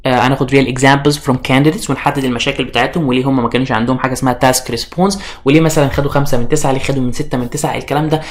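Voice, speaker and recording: A man's voice: mid-range voice, fairly even intonation, very fast. A young man with an Egyptian Arabic accent, giving an online course introduction as an IELTS instructor and mixing English terms into his Arabic, with frequent fillers and restarts.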